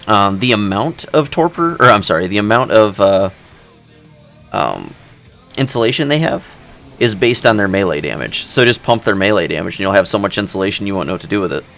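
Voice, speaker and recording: A man's voice: on the low side, sing-song, a little fast, gravelly, a bit bright, soft background music. A man who makes game mods, chatting casually over voice chat. He is laid-back and joking, and he fumbles over names. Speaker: mod developer, server host.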